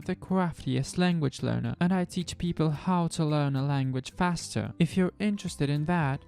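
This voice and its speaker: A man giving a pronunciation lesson, demonstrating sounds slowly and deliberately. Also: fairly high pitch, vocal fry, a little mellow. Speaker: language teacher.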